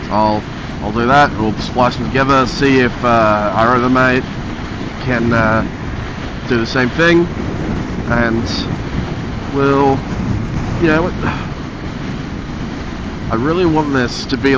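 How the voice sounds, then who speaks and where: Male motovlogger, mid-pitched, casual rambling mutter, muffled inside a helmet with clear vehicle noise. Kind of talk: casual vlog chat while riding a motorbike. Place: inside a motorcycle helmet, riding outdoors on roads. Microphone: helmet-mounted mic close to the mouth.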